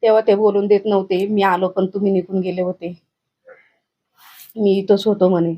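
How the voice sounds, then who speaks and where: A woman's voice: medium pitch, level tone, moderate pace, highs cut off. A middle-aged woman, giving a grieving, urgent account in a news interview. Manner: grieving, urgent, recounting in detail. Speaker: bereaved grandmother interviewed.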